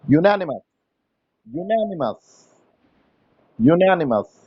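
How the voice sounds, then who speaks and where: A man teaching English grammar to students, slow and patient, repeating words and quizzing the class. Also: high voice, darkish tone, no room sound, lo-fi sound. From India. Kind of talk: Hindi-English grammar lesson.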